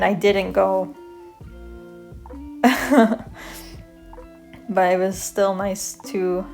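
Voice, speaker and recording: A soft-spoken young woman from Canada, casually telling stories about her school years in a rambling, self-deprecating way while she draws, with light music playing behind her. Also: mid-range voice. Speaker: vlogger. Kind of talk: casual storytelling over drawing.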